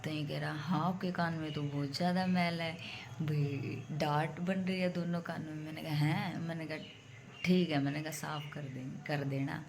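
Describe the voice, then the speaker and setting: A woman's voice: low-pitched, fairly even intonation, normal speed, noisy background. A young woman vlogger casually telling a story at home to her viewers, chatty and direct. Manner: chatty, addresses viewers as bhai.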